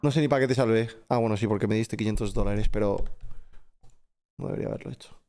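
A man doing live gameplay commentary, excitable, swearing and shouting at the game while talking to his chat. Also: lowish voice, quick pace. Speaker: streamer. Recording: game music behind the voice.

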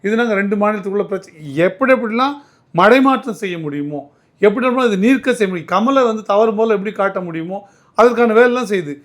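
A man's voice: sits high, fast talker. A man answering as a political commentator in an interview, arguing emphatically and often restarting his words.

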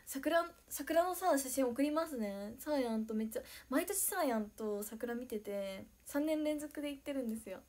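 A young woman chatting on a livestream, excitable and giggly, thanking viewers by name as she reads their comments. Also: high voice, moderate pace, few pauses. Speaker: idol livestreamer. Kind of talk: casual livestream chat reading viewer comments.

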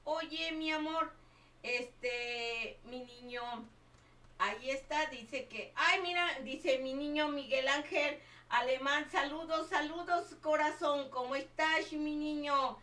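Older woman, slow and bright, doting live-stream gamer, echoey room, mic at a distance. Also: high voice. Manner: doting, calls everyone my child and my love. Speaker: livestreaming gamer. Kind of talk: live game stream chat.

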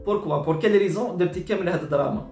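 Casting: Algerian male online commentator, exasperated and repetitive, rapid-fire delivery, echoey room with faint music behind. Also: high voice, a little mellow. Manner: exasperated, repetitive, mixes Arabic with French. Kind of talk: informal reaction commentary. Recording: roomy echo with faint music.

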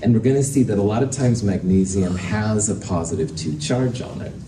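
A man's voice: fairly low pitch, normal speed. A man lecturing as a professor in a lecture hall, explaining things in a casual, self-deprecating way. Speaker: chemistry professor. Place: indoor lecture hall with projector screen and chalkboard. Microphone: distant from the speaker. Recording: roomy lecture hall, distant mic, noisy.

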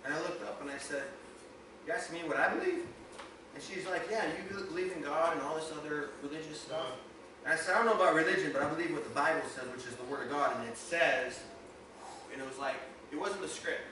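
A man's voice: on the high side, fairly quick. A man, a guest minister, telling a personal testimony in a sermon and building up to emphatic preaching. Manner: storytelling, rising to emphatic preaching. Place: church sanctuary. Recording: echoey hall, distant mic, noisy.

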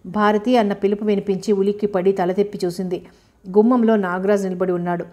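A woman narrating a novel aloud as an audiobook, in a steady, measured reading. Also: mid-range voice.

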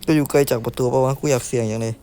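A man's voice: mid-range voice, steady tone, very fast, mellow, soft background music. A man swearing and muttering to himself while he plays a game, breaking into sudden outbursts. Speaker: gamer. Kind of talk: casual game commentary.

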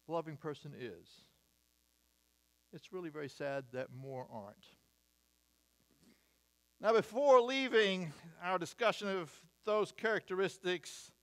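An older American man preaching from a church pulpit in a fairly high voice. He reads through points with measured emphasis and slips in wry asides. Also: fairly bright tone, smooth. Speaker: pastor. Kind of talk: sermon. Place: church sanctuary, at a wooden pulpit. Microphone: pulpit mic, far camera.

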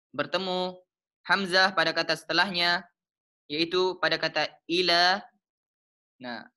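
A man with a Malaysian accent teaching the rules of Quran recitation, explaining slowly and patiently, repeating each term and chanting the example verses. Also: sits high, pushed and bright, clear, resonant tone. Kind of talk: explaining tajwid rules step by step.

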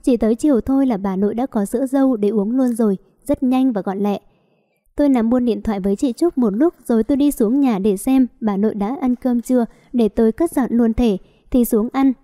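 A woman, narrating a story in a lively first-person way. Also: fairly high pitch, fairly quick.

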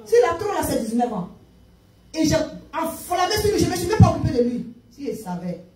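A woman preacher from Africa with an African French accent tells a story in sermon form, dropping English phrases into her French. Her voice is fairly high and mellow. She sounds distant from the mic, in an echoey church room with faint noise behind her. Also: fairly quick, soft background music. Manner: animated storytelling, switching between French and English. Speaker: prophetess preaching. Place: church sanctuary.

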